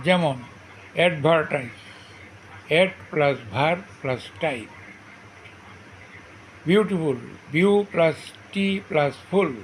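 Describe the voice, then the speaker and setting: A man teaching a grammar lesson, repeating each definition slowly and spelling words out syllable by syllable, with faint noise behind him. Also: fairly high pitch, poor audio. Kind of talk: slow dictation-style grammar lesson.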